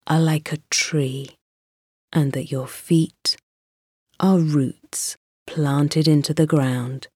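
Slow, low-voiced woman guiding meditation. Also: slightly rough, no echo, studio quality. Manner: slow, soft and soothing, with pauses. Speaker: meditation guide. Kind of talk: guided mindfulness meditation.

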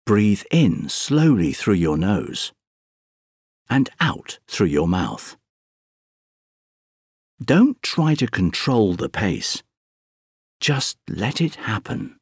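Slow, soft, breathy man guiding relaxation. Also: on the low side, very animated, dry recording, clean studio sound. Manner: soothing, unhurried, gentle instructing with long pauses. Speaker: guided meditation narrator. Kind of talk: guided sleep relaxation meditation, scripted narration.

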